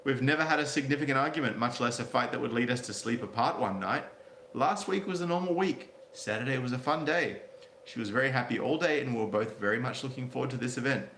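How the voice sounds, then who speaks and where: A man's voice: medium pitch, quick pace, fairly bright tone. Male commentary host, blunt and sardonic, casual read-and-react delivery, roomy echo, faint noise behind. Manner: blunt, sardonic, crude asides. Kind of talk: reading out a story with casual commentary.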